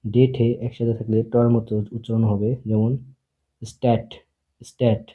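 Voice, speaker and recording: A man teaching a beginner German class, slowly and patiently repeating each sound for his students to practice. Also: on the low side, level tone. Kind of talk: online language lesson. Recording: husky voice over a tinny phone-like line.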